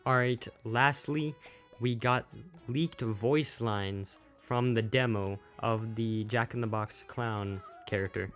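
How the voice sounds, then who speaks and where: A man with a medium-pitched voice takes his time as he comments on game news for his YouTube channel. He sounds plain-spoken, casual, and a little unsure, improvising as music plays in the background.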